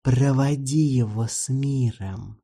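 A man puts on an old vampire for a dark fantasy audiobook: higher and softer than the narration, nearly a whisper at times, drawing out each ornate, courtly phrase. The mellow, husky tone suits his gentle, sorrowful irony. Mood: mournful, patient. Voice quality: soft, half-whispered, drawn-out. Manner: slow, ornate, mournfully polite. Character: ancient weary male vampire, courtly, gently ironic.

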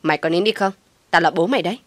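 A woman voicing a cruel, sneering young father who taunts and threatens in a harsh, loud voice. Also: on the low side, rapid-fire, no echo, natural voice. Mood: menacing.

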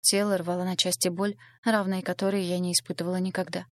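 A woman reading a dramatic first-person novel aloud in a steady narrating style. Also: fairly low pitch, fast talker, dry recording. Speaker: audiobook narrator.

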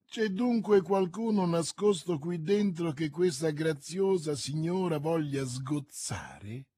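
A man's voice: fairly high pitch, lively intonation, a little slow, husky, no room sound, studio quality. A man reading aloud, voicing a stern, suspicious baron who speaks in a mocking, contemptuous way.

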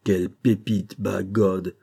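A man voicing an effusive, flattering middle-aged male bank sub-director in an audiobook reading. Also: sits low, takes it slowly, creaky, breathy edge, heavily acted. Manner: gushing, emphatic, flattering.

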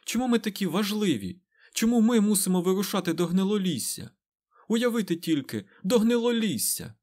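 A man voicing a frightened young village man in an audiobook, loud and exasperated. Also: high voice, very animated, normal speed, voice pushed up.

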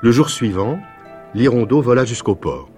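A male actor giving a measured, expressive storybook reading of a children's tale. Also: mid-range voice, faint music behind.

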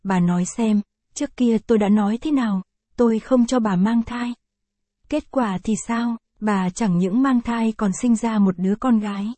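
A woman's voice: on the high side, moderate pace, dark tone, dry recording, lightly acted. A woman voicing a cruel, brutal old patriarch in a read-aloud story, talking in a harsh, scornful and threatening way.

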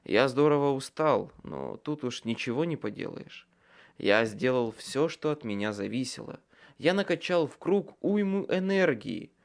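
Brief: male audiobook narrator, mid-pitched voice, tense and dramatic first-person read. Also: animated, unhurried.

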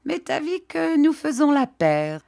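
A woman's voice: sits high, big pitch swings, unhurried, gravelly, a little mellow, dry recording, clean studio sound, voice pushed up, full character voice. Jovial stout old priest, done by a woman. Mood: joking. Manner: bantering, fatherly. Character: stout jovial country priest, older man.

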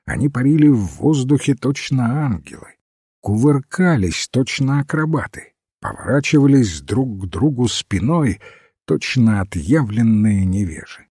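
A man narrating an audiobook at a slow, measured pace. His low voice has a husky grain. The sound is dry and close, with no room around it. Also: dry recording. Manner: measured, even storytelling. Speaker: audiobook reader. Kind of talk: scripted narration.

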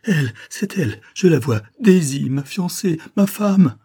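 A man's voice: medium pitch, expressive, moderate pace, mellow, slightly rough, pitched above the performer's own voice. A man doing a fretful comic detective. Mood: frantic. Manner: fretful, exclamatory, theatrical. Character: anxious, excitable comic male detective.

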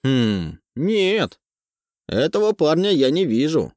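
A man's voice: a little high, sing-song, slow pace, darkish tone, dry recording, studio quality, pitched above the performer's own voice. A man voicing a curt, dutiful gray-haired male security guard in an audiobook.

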